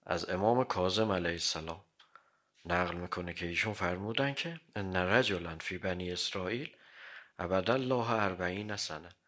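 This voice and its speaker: Bright-voiced man preaching a sermon. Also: sits low. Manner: quotes Arabic hadith then explains in plain Persian; clears throat often. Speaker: cleric. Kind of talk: religious sermon.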